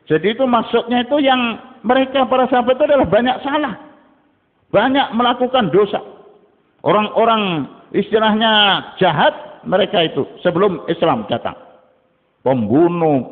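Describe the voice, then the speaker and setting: A man preaching a dawn sermon, jumping between high emphatic bursts and low asides. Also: animated, moderate pace. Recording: tinny phone-like sound with long hall reverb.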